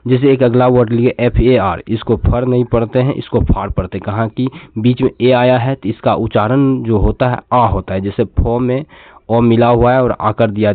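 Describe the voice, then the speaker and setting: A man teaches pronunciation with a fairly low voice, checking in with his students and repeating each word. The recording is dry and tinny, like a phone line, with no room echo. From India. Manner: repeats each word and asks the class what it is read as. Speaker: English teacher. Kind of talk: classroom lesson, explaining step by step.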